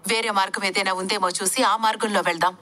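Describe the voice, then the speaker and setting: A woman's voice: medium pitch, steady tone, quick pace, sharp tone, lightly acted. A woman voicing a bold male exorcist who gives firm orders, in a read-aloud story. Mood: commanding. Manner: firm, commanding. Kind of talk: audiobook story reading.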